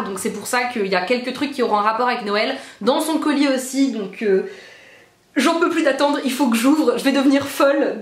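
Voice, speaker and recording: Bubbly high-voiced young French woman. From France. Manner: bubbly and gushing, repeats trop trop. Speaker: beauty vlogger. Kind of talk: casual vlog unboxing. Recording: echoey room.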